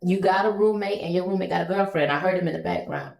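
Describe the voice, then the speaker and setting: Low gravelly woman in echoey room. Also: quick pace. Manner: storytelling, relaxed and conversational. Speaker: business owner guest. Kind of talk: casual interview chat.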